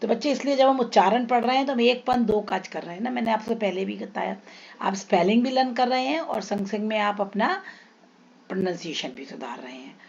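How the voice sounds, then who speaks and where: Indian lady teacher going over english words slow, asking the kids questions, kinda dull lo-fi sound. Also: medium pitch, lively intonation, gravelly, a little mellow. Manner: repeats example words slowly, asks students questions. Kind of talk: classroom lesson explaining rules.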